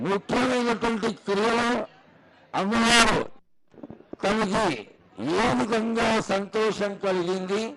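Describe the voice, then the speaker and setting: Slow, very high-pitched male temple announcer. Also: vocal fry, fairly bright tone, rough recording. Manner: formal, reverent phrasing in short deliberate fragments. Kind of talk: devotional public announcement at a religious ceremony.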